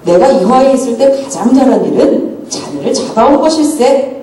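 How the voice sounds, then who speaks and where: Woman host, expressive reader, lively pitch, distant mic in a very echoey hall. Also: slight background noise. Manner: expressive, attentive, brief backchannels. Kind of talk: reading aloud at a book talk. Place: event hall. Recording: echoey hall recorded from far off.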